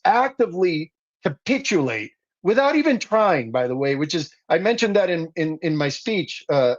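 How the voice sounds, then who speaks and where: A man's voice: high-pitched, lo-fi sound. A man raised in the Dominican Republic, a guest activist speaking passionately and insistently in a political talk. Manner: impassioned, insistent, building emphasis.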